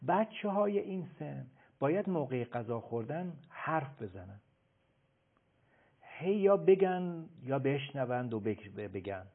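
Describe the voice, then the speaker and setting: A man's voice: medium pitch, sing-song. Man, radio guest expert, emphatic, lecturing, hesitant fillers, tinny narrow-band sound. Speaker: guest expert on child behavior. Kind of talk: radio talk-show explanation. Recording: phone-like radio broadcast.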